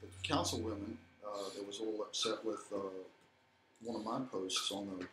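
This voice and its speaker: A man's voice: on the low side, fairly even intonation, moderate pace, sharp tone. Earnest man, echoey room. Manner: earnest, hesitant with fillers, says "okay?" often. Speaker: co-host of a local civic live stream. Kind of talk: casual talk, addressing viewers. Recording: echoey room with faint background noise.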